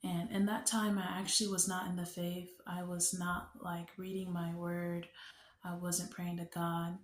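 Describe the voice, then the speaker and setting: Woman, young adult, earnest unhurried storyteller, flat delivery, roomy echo. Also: lowish voice. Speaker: vlogger sharing a testimony. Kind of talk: personal faith testimony. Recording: echoey room.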